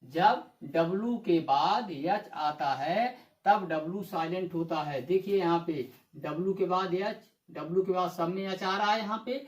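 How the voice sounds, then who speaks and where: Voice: mid-range voice, measured pace. An English teacher giving a video lesson, repeating each rule and asking the viewer rhetorical questions before answering them. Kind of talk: classroom-style video lesson. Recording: echoey room.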